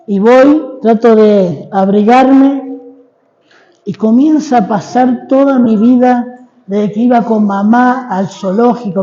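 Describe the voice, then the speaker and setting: A middle-aged guest preacher with an Argentine Spanish accent delivers a sermon as a dramatic personal testimony in a church hall, urging the congregation to repeat his words. His voice is extremely high and mellow, and the large-hall recording has its highs cut off.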